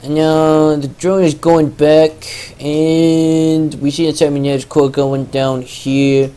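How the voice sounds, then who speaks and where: A man's voice: a little high, flat delivery, slow pace, dark tone, smooth. A young man casting a strategy video game match in a loose, joking, rambling way. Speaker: game caster. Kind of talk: casual esports commentary.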